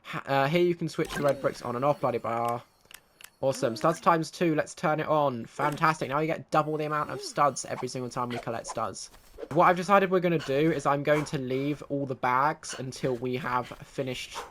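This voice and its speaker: Guy chatting through a game playthrough, mid pitch, faint noise behind. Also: fairly bright tone. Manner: chatty, self-correcting. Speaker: gaming channel host. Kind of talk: casual game commentary.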